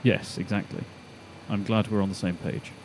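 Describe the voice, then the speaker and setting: A man's voice: fairly low pitch, fairly even intonation, normal speed, creaky. A man chatting playfully while playing a building game with a friend. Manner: chatty, playful, self-mocking. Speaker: co-host and player. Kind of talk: casual gameplay chat. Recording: noisy background.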